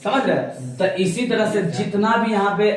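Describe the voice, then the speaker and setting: Male teacher leading a call-and-response lesson, high-pitched, heard from a distance. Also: steady tone, moderate pace. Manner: asks the class questions and repeats their answers. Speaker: Urdu teacher. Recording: echoey room, voice from a distance.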